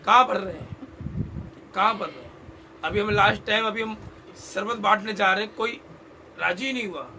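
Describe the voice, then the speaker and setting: A man's voice: high-pitched, moderate pace, vocal fry, long pauses, rough recording. A man preaching a sermon to a congregation, often asking questions and having them repeat his words back. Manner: quizzes the congregation, repeating phrases. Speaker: pastor. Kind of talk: call-and-response sermon. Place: church hall. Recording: loud background noise.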